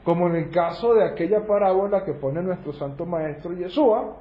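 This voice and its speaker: A man's voice: high-pitched, normal speed. A man teaching a religious lesson in a sermon style, asking rhetorical questions and checking in with his listeners. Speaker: teacher of a Torah study group. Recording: roomy, dull lo-fi sound.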